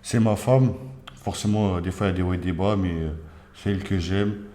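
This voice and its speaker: A man's voice: sits low, steady tone, brisk, warm tone, echoey room, slight background noise, natural voice. A man playing a young husband questioned by the gendarmes, hesitant and full of fillers. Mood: tender. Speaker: suspect. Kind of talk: amateur acted interrogation.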